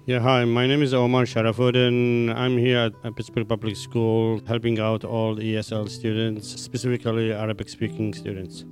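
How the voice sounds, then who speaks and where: A man who helps students learning English, interpreting their words in a plain, steady way. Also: medium pitch, moderate pace, few pauses, soft background music. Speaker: school interpreter.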